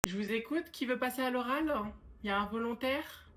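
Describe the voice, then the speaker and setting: A woman's voice: on the high side, fairly quick, a bit bright. A woman acting in a comedic sketch, stern and dry as a teacher. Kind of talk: comedic POV sketch, playing a teacher and a mother.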